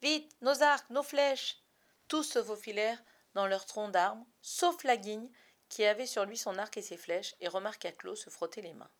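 A woman's voice: mid-range voice, moderate pace. Woman narrating a storybook dramatically. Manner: lively, dramatic reading with varied loudness.

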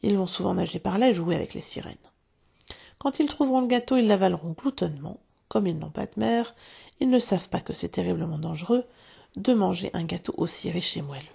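A woman voicing a cruel, gloating pirate captain who speaks through clenched teeth, in a husky, gravelly voice. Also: on the low side, expressive, fairly quick, dark tone, exaggerated voice. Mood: scheming.

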